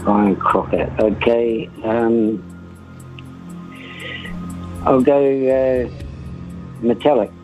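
A man's voice: mid-range voice, drawn-out words, pauses often, soft background music. A man with a New Zealand accent chatting casually as a radio phone-in contestant, giving short, laconic replies. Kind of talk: casual chat. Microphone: telephone. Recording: tinny phone line on radio.

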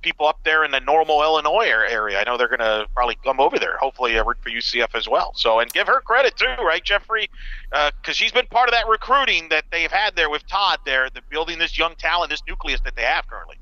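A male sports co-host with a very bright, forceful voice and lively swings in pitch. He chats casually. The audio is dry and slightly lo-fi. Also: quick pace, no echo.

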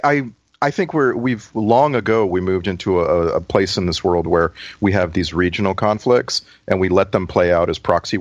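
A man's voice: deep voice, dry recording. Man, podcast co-host, stammers, restarts often, dry, dull audio. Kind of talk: casual panel chat.

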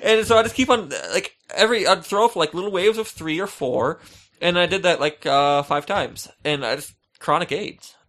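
A man's voice: high-pitched, normal speed. A young man co-hosting a podcast, chatting casually and acting out exaggerated stories. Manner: animated storyteller, acts out exaggerated retellings. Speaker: podcast co-host.

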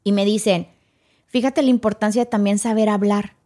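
Woman, lively storyteller, mid-pitched voice, voices the people in her story. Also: normal speed. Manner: animated, acts out quoted dialogue. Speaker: guest sharing her story. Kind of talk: emotional personal storytelling.

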